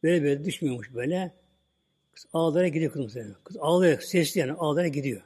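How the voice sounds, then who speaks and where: A man gives a storytelling sermon in a husky, breathy voice that sits a little high yet sounds mellow. He retells the tale at an easy pace and ends his phrases with a habitual filler. His voice rings out with a long reverb, as if recorded in a large hall. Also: very fast. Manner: relaxed retelling, "böyle" at line ends. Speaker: preacher. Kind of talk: religious talk with storytelling.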